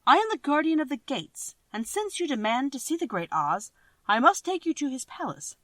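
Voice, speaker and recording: A woman reading aloud and voicing a small green man who guards a city gate, in a loud, solemn, warning way. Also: high voice, big pitch swings, moderate pace, dry recording, pitched above the performer's own voice. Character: stern little green male gatekeeper.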